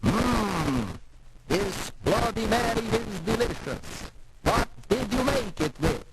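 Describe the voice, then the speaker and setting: High-voiced, slow vampire count. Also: male voice, animated, very noisy. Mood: courtly, macabre. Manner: slow, courtly, theatrical. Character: vampire count, jolly, macabre, courtly guest. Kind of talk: 1960s comedy record acting. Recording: old record with loud music behind.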